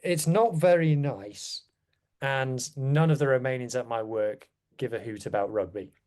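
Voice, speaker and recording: Man, mid-pitched voice, casual podcast chat, wry asides, sports pundit guest. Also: measured pace, darkish tone.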